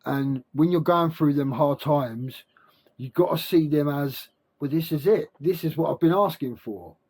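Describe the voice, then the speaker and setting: Male self-help vlogger, slightly high voice, toothless gummy articulation, halting and repetitive informal monologue. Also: darkish tone, breathy edge. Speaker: self-help video creator. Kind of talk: rambling spiritual monologue to camera.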